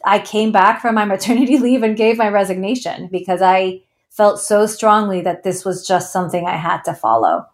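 A founder guest in her thirties, originally from Ecuador, recounts her story earnestly in an interview conversation, with occasional laughs. She speaks expressively at a moderate pace in a medium-pitched voice.

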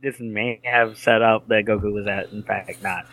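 A man co-hosting a podcast, recapping an episode's plot in a casual way with many filler pauses. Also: lowish voice, level tone, fairly bright tone. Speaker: podcast co-host.

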